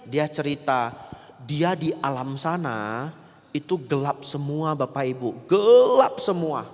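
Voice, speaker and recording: A man, a Buddhist monk giving a lively dharma talk that often turns to the audience. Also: mid-range voice, a little slow. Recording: long reverb of a large hall.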